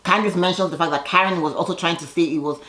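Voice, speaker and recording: A woman's voice: on the low side, fairly even intonation, quick pace, fairly bright tone. A woman hosting a reality TV recap in a casual, chatty way, with a sassy, gossipy manner and slangy asides. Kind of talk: casual chatty commentary, acting out quotes.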